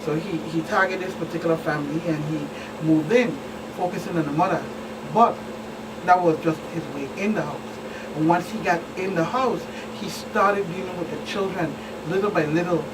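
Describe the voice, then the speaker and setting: Speaking at normal speed in a voice on the low side, the woman with a Virgin Islands Caribbean accent serves as a police officer and expert guest on a talk show. She explains plainly and repeats points emphatically, while the distant mic catches a clearly noisy room with hum.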